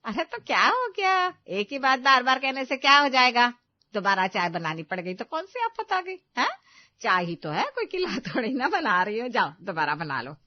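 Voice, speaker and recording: Woman doing a loud scolding older mother-in-law. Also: medium pitch, wildly swooping pitch, fairly quick, few pauses, lo-fi sound. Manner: loud, sharp, taunting.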